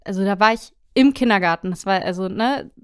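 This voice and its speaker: A young woman in casual chat, telling anecdotes in a lively, colloquial way with frequent tag questions. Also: medium pitch, brisk, clear, resonant tone. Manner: chatty, animated, colloquial, many tag questions.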